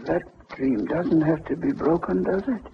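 An actor playing a frail, gentle old gentleman on a sickbed, speaking slowly and tenderly in a 1940s radio drama. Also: a little high, a little hiss or hum. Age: older. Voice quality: slow, gravelly, tender. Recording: dull 1940s radio recording.

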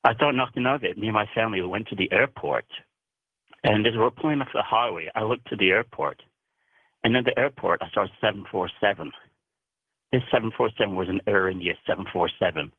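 A man's voice: fairly low pitch, a little fast, dry recording. A man from Canada calling in to a radio show and earnestly telling a personal story. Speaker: caller. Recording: husky voice over a phone line.

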